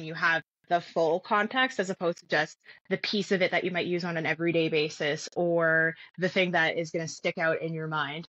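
A woman's voice: on the low side, a bit bright, no room sound. Thoughtful woman on a dull lo-fi line. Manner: thoughtful, with frequent restarts. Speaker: guest. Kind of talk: conversational interview. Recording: dull lo-fi audio.

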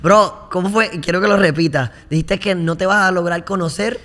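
A man, co-hosting a podcast, enthusiastic and slangy and quick to exclaim. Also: high-pitched, fairly bright tone. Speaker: podcast co-host. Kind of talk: casual podcast conversation.

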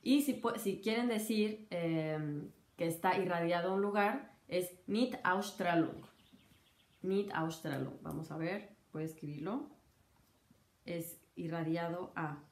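Mexican lady doctor explaining stuff casually, kinda low voice, echoey room. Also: darkish tone. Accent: Mexican Spanish. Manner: chatty, explains with examples and quick asides. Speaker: doctor teaching medical German. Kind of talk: casual spoken lesson.

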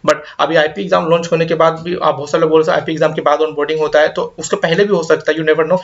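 A young man giving a casual career update in a rapid Hindi-English mix. He reassures his viewers and keeps repeating short fillers as he talks. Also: fairly high pitch, little pitch movement, gravelly, muffled recording. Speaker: career guidance YouTuber. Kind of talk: casual update video reading viewer comments.

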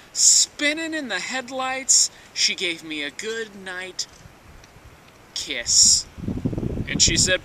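A young man giving a dramatic reading of lyrics like a hammy stage actor, with drawn-out theatrical pauses, recorded outdoors from a few metres away. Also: high-pitched, sharp tone. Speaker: performer of comic dramatic readings. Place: outdoors at the edge of woods. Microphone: camera mic from a few metres away. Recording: distant camera mic, wind noise.

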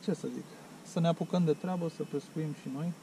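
A man's voice: a little high, low-quality recording. A middle-aged man chatting casually while fishing on a lakeshore, recorded on an action camera. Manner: chatty, excited exclamations when landing fish. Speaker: angler filming his fishing session. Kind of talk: casual outdoor commentary. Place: lakeshore outdoors, windy. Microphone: action camera on the bank. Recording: loud wind noise outdoors.

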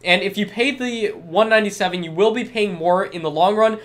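A young man speaks a little fast in a high-pitched, somewhat bright voice while streaming from a small room with a lit backdrop. Nursing a stuffed-up cold, he reads chat questions aloud and answers them with upbeat, repetitive, salesy reassurances.

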